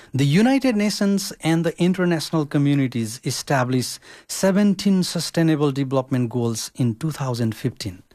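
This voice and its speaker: A young man from Nepal, a social work student, reading his podcast script in a careful, measured way. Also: mid-range voice, darkish tone, no room sound, studio quality.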